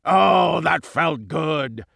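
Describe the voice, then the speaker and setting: A man voicing a huge, cruel, bullying fish king in an audiobook, with a gravelly bellow and a slow, menacing, gloating delivery. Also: fairly high pitch, expressive, fairly bright tone, dry recording, clean studio sound, full character voice. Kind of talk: audiobook character voice.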